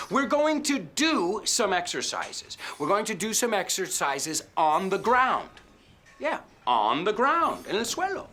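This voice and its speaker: A man's voice: a little high, bright, forceful tone, a little hiss or hum, exaggerated voice. A man playing a peppy male fitness coach in a TV English lesson, with a Spanish accent and a playful, exaggerated manner. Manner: exaggerated, playful, sing-song. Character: Mister Strong, a bouncy male fitness coach. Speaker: English teacher.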